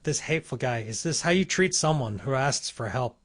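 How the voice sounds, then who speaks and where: Guy reading as a hotheaded young dude from a comic, grumbly and indignant, average pitch. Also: animated, brisk, no room sound, studio quality, close to an everyday voice. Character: young man, brash and quick-tempered.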